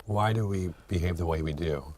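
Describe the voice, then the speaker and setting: A man's voice: low voice, moderate pace, a little mellow, a little hiss or hum. A man in his late forties, an acupuncturist guest speaking reflectively in an interview, hesitant with many fillers and restarts. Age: 40s.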